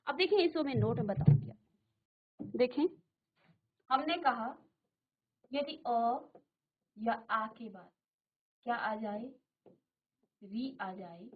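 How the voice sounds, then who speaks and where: A woman's voice: a little high, phone-quality sound, a little hiss or hum. A woman teacher giving a classroom grammar lesson, repeating terms and asking the class questions, in a virtual classroom studio.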